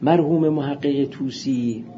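Man, seminary lecture, measured explanations, dark mellow voice, dull lo-fi sound. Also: mid-range voice. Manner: measured explanatory lecturing, reading Arabic quotations. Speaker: philosophy teacher. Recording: muffled lo-fi recording with faint hiss.

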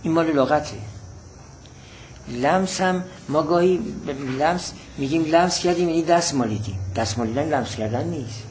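A man's voice: fairly high pitch, slight background noise, poor audio. A man teaching a religious-philosophy text lesson, reading Arabic phrases and explaining them patiently, often repeating definitions.

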